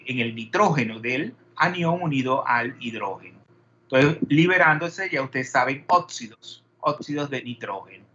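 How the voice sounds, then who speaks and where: A man's voice: mid-range voice, bright, forceful tone, lo-fi sound, slight background noise. A man teaching a chemistry class, peppering students with questions and wandering into digressions. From Panama. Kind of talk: classroom lecture.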